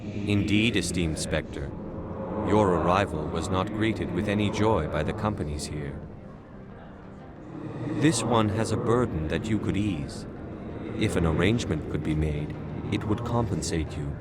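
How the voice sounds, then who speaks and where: Low, deferential alien merchant. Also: male voice, heavy background noise. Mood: secretive, courteous. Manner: formal, deferential, discreet, measured. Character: polite, scheming alien merchant speaking in third person. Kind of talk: video game character dialogue. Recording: loud music behind the voice.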